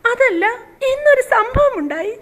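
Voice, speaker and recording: A woman's voice: very high voice, sing-song, unhurried, a bit bright, full character voice. A woman playing a whiny, melodramatic queen in a comedy skit.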